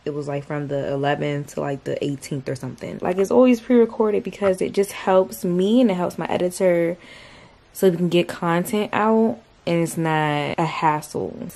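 A woman's voice: lowish voice, moderate pace, vocal fry, warm tone. A young woman in her twenties chatting casually to camera at home, full of fillers and calling her viewers "y'all". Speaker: lifestyle vlogger. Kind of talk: casual vlog chat to camera. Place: home bedroom and kitchen.

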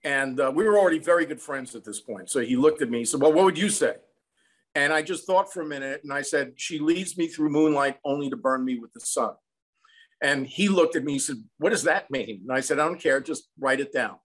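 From a small room at home, an American songwriter and film composer in his sixties joins a video-call interview as a guest, reflectively telling anecdotes in conversation. His voice is on the high side, fairly quick and husky, captured in a rough recording.

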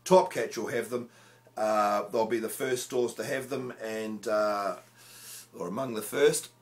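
A man's voice: fairly low pitch, steady tone, a little slow. A man, hosting a casual fishing gear review in a small room, chatty and jokey with lots of filler "uh"s. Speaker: fishing show host. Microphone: camera close up at arm's length.

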